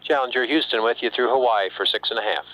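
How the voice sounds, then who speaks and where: A man's voice: medium pitch, fast, bright, forceful tone, rough recording. A man at mission control giving businesslike, technical instructions over space radio as capsule communicator. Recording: hissy space-to-ground radio.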